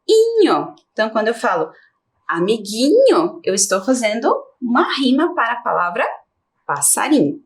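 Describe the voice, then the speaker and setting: A Brazilian woman teaching a televised lesson to small children, her fairly high voice rising and falling in a lively sing-song. She slows down and draws out key words so the class can follow. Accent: Brazilian Portuguese.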